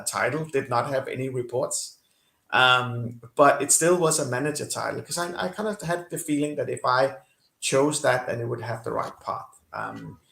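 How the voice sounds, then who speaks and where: This Kenyan man, a company CEO, appears as a guest in a video-call interview, his accent shaped by Denmark. His voice is medium-pitched, gravelly and a bit bright, heard in an echoey room. He speaks earnestly but with many fillers and restarts.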